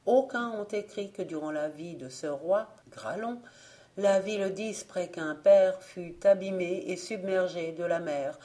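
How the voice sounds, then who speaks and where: A woman reads an audiobook of old legends in a measured, even manner. Her voice sits low and sounds soft and mellow. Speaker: audiobook reader. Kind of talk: audiobook narration of folk legends.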